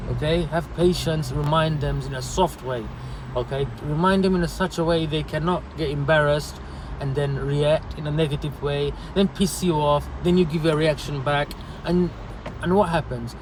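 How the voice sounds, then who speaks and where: A man, a delivery driver, giving earnest, repetitive advice and animated stories in a casual livestream. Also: on the high side, moderate pace, noisy background.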